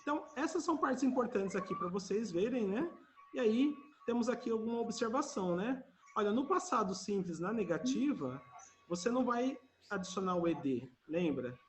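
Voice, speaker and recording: Brazilian male teacher, high voice, patient drills over video call, light hiss. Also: animated, normal speed. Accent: Brazilian Portuguese. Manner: patient, repeats words for students to echo. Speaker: English teacher. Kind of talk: online class teaching.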